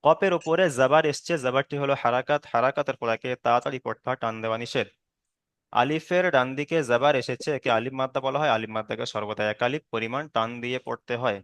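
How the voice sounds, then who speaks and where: A man teaching Quran recitation rules in a patient online lesson, explaining slowly, checking in with students, and drawing out chanted examples. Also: mid-range voice, a bit bright, smooth, dry recording. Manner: drawn-out chanted Arabic examples.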